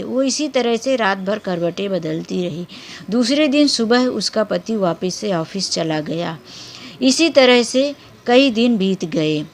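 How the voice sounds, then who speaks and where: A woman narrating a dramatic family story in an unhurried, emotional storytelling manner. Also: mid-range voice.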